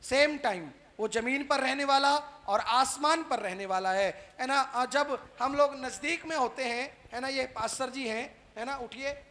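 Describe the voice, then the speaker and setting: A man preaching a sermon to a live congregation, firing rhetorical questions at them and tacking a quick "right?" onto nearly every point, swinging between loud calls and quieter asides. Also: very high voice.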